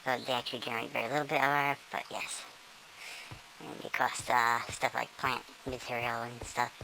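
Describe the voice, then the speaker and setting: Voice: level tone, a little fast, gravelly, bright, forceful tone, slight background noise, rough recording. A person talking through a voice-morphing filter that makes them sound like a small squirrel, casually rambling through a gameplay tour with many ums and self-corrections. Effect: voice-morphing filter, squeaky and small like a squirrel. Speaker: gamer giving a tour of a build.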